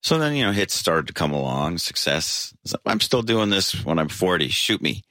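A man in his sixties, a singer telling an animated story in an interview. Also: deep voice, moderate pace, dry recording. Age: 60s. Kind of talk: casual storytelling.

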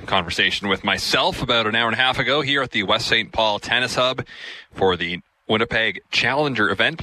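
A man, hosting a radio sports show and interviewing a guest in a brisk, conversational way. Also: on the low side, bright, forceful tone, slight background noise, low-quality recording.

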